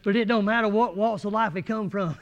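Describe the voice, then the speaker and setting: A man preaching a sermon in church, folksy and rising to shouted fervor. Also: sits high, brisk, dull audio. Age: 80s.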